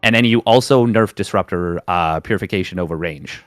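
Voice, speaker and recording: A man's voice: low-pitched, a little fast, no room sound. A man co-casting an esports match, chatty and hedging, often restarting his thoughts. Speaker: co-caster. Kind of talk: casual game commentary and analysis.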